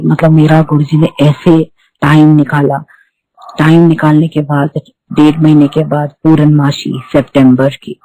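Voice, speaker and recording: With a low-pitched, warm voice, a middle-aged devotee shares her spiritual testimony in earnest. Her storytelling is repetitive and full of restarts. The audio is poor, though without echo.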